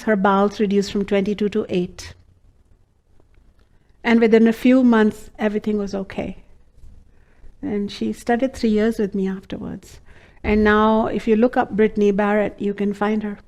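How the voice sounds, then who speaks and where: Warm and steady, a medium-pitched female voice at normal speed belongs to an Ayurveda teacher with an Indian accent. She lectures students earnestly on a case study, with frequent fillers.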